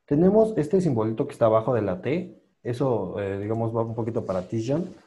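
A man teaching English pronunciation in an online class, patiently repeating sounds slowly for his students. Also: mid-range voice, lively intonation, dark tone.

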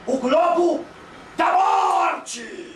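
A woman's voice: very high-pitched, expressive, drawn-out words, slight background noise, heavily acted. A woman playing a boisterous clown ringmaster who announces circus acts grandly in a children's stage play. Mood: grand, excited. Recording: echoey theatre, distant camera mic, music behind.

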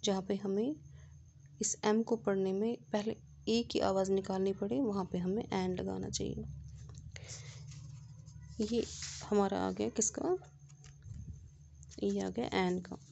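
Grammar teacher, woman with a gravelly, mellow voice. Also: mid-range voice, steady tone, slight background noise. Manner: explains step by step, asks rhetorical check questions; reads English examples slowly and deliberately. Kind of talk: classroom grammar lesson.

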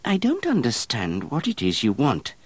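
A man's voice: medium pitch, huge pitch swings, normal speed, breathy edge, no room sound, voice pushed up, heavily acted. A man voicing an easygoing, fussy middle-aged monk who complains in a peevish, rising voice. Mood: fretful. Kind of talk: audiobook character voice.

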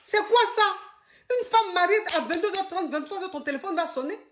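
A woman voicing a jealous, angry husband who demands his wife's phone and shouts indignant questions. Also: very high voice, expressive, fairly quick, reverberant, a little hiss or hum, pitched above the performer's own voice.

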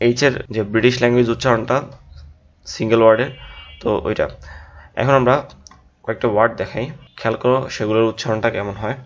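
A man teaching an English pronunciation lesson in a casual classroom way. He drills each word aloud and keeps adding a quick "yes". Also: mid-range voice, little pitch movement. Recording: dull lo-fi recording.

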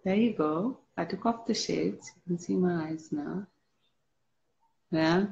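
A woman hosting a casual live stream, reading fan comments aloud and answering slowly while a little unwell. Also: on the low side, vocal fry. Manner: slow, relaxed, answers comments one by one. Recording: dull lo-fi stream audio.

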